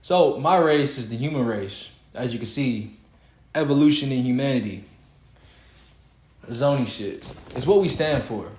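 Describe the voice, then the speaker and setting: A young podcast host from Houston, Texas, rants casually in an echoey room with a medium-pitched, slightly mellow voice at a measured pace. He's preachy and emphatic and swears freely.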